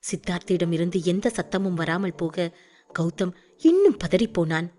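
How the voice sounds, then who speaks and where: Mellow expressive woman narrator. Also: lowish voice, moderate pace. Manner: expressive storytelling. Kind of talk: audiobook narration.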